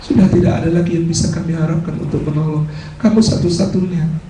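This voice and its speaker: A man's voice: a little high, fairly even intonation, fast talker, lightly acted. A man voicing a desperate older brother pleading for help, in an echoey hall recorded from afar. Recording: echoey hall, distant mic, noisy.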